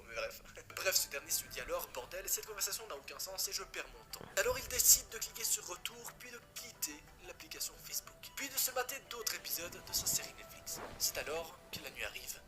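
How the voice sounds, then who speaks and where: Animated man telling a creepy story over music. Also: fairly high pitch, fairly quick. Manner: joking, swearing asides to the viewer. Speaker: horror storyteller. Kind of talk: casual creepypasta narration. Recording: music playing behind.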